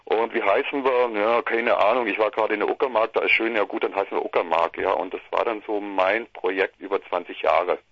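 Over a muffled, dry phone line, a middle-aged musician from Bavaria or Swabia in southern Germany rambles casually in a phone interview, restarting often. He talks briskly with hardly any pauses, his fairly low voice steady in tone and free of echo.

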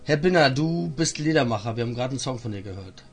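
A man's voice: mid-range voice, expressive, fast talker, a little hiss or hum. A man hosting a casual radio interview, chatty and laughing at his own jokes. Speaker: radio host.

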